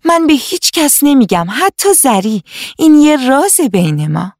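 A woman voicing a cheerful, curious little girl who asks excited, wide-eyed questions in a storybook reading. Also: high-pitched, no echo, studio quality, pitched above the performer's own voice.

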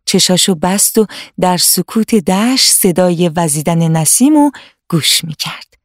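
A woman narrating a children's fairy tale in a calm, steady storytelling manner. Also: on the low side, dry recording, clean studio sound. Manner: calm, warmly paced storytelling.

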